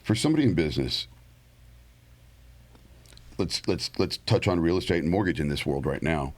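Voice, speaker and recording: A man hosting an interview, asking questions in a relaxed way. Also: low voice, moderate pace. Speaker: podcast host. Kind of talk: conversational interview.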